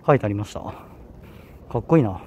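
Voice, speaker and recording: Slight background noise surrounds this young Kanto-accented vlogger as he walks a hilly campus with a handheld camera, a little out of breath. His lowish, darkish voice is animated and quick, and he rambles casually, often correcting himself.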